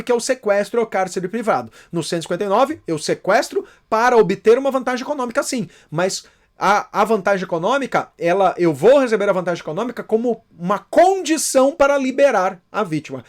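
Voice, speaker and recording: A male law professor giving an online lecture, repeating key points emphatically and checking in with the viewers. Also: sits high.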